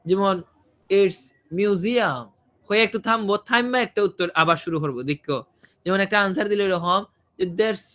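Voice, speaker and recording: A man's voice: high voice, pushed and bright. A man teaching an IELTS listening class, asking his students questions and repeating his points. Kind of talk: online listening class, explaining in Bengali.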